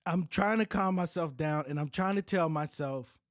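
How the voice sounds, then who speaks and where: Profane, animated woman storyteller. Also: deep voice, normal speed, dry recording, clean studio sound. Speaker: podcast host. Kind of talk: casual storytelling chat.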